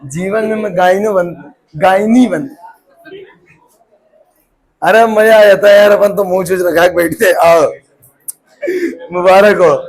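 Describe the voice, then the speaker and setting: Male physics teacher, high voice, teasing classroom banter. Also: steady tone, slow, long pauses. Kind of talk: joking classroom lecture.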